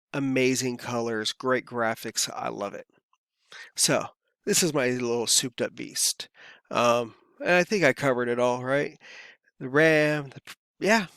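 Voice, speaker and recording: A man's voice: mid-range voice, a bit bright, clear, resonant tone, no room sound, clean studio sound. A man from California talking casually to camera as a vlogger, rambling and easygoing with lots of fillers, his voice a bit worn. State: voice feels worn. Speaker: crypto vlogger.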